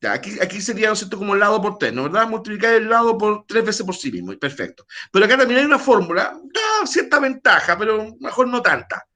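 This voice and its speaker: Male math teacher on a video call, fairly high and animated, chatty, questions students. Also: quick pace, hardly any pauses. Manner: quizzes students, chatty asides. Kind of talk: virtual math class.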